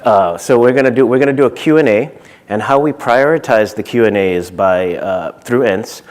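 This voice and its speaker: A man's voice: mid-range voice, moderate pace, a little mellow. A man in his thirties, from Zimbabwe, giving a casual conference talk on stage with many fillers and restarts. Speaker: conference speaker.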